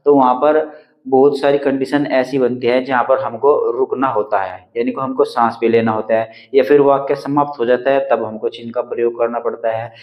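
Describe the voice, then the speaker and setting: Man, grammar teacher, exam-prep lesson, step-by-step explaining, muffled lo-fi recording. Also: mid-range voice. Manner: explains step by step, pointing at a written board.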